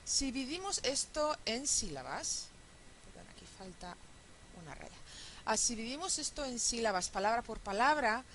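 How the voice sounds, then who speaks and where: A woman teaching a phonetics lesson, explaining step by step and often checking understanding with a quick question. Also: on the high side, sing-song, a bit bright, a little hiss or hum, poor audio. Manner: counts syllables aloud slowly. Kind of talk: recorded classroom lecture.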